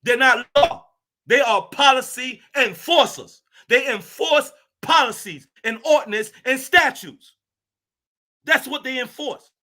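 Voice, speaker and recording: A man with a high, forceful voice rants angrily straight at his listeners, swearing freely and hammering the same phrases over and over. His tone stays confrontational and tense. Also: unhurried. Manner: ranting, profane, confrontational, repeats phrases. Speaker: channel host. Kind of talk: angry monologue to camera.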